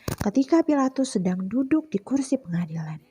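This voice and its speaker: Woman teacher telling a children's Bible story, higher pitched, breathy, expressive, speaks straight to the kids. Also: moderate pace. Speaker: Sunday school teacher.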